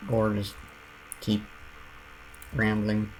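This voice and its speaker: A man streaming a building game, giving casual commentary and rambling aloud with frequent restarts and soft trailing mutters. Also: fairly low pitch, completely flat delivery, very slow, a little hiss or hum, low-quality recording.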